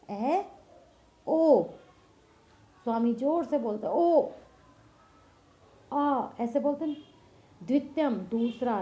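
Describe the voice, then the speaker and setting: A woman's voice: fairly high pitch, mellow, rough recording. A woman teacher explaining a text line by line, patiently asking questions and answering them herself in a classroom-lesson style. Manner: patient, asks and answers her own questions.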